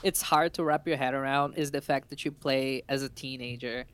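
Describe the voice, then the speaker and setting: A man's voice: medium pitch, normal speed, smooth, dry recording. A man co-hosting a casual podcast chat about games, telling stories with lots of laughter and acted-out quotes. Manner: animated storyteller, acts out quotes, laughs often. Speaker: podcast co-host.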